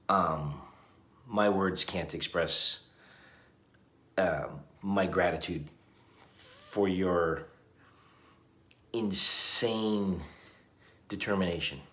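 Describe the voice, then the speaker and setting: A man's voice: sits low, extremely slow, long pauses, fairly bright tone, reverberant. A man in his fifties, tired after a long day, talking earnestly to the camera from a hotel room at night, often restarting his sentences. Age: 50s. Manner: reflective, earnest, with frequent restarts. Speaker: vlogger. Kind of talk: casual vlog talk to camera. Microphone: camera on a table at arm's length.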